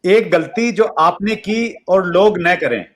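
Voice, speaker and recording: A man's voice: high-pitched, takes it slowly. A man interviewing a guest, polite and deferential, calling him sir.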